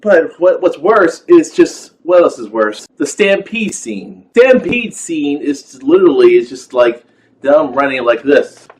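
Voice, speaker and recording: A man's voice: on the high side, expressive, a little slow, slight background noise, low-quality recording. A man giving a rambling, casual rant as a film reviewer, full of fillers and exasperated rhetorical questions.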